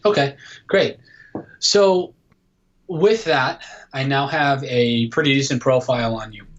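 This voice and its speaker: A man in his early thirties talks through training details as a guest coach, pausing often with fillers. His voice sits at an ordinary pitch. The recording sounds dull and muffled. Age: 30s. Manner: explanatory, lots of "uh" and "um". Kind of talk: casual podcast interview.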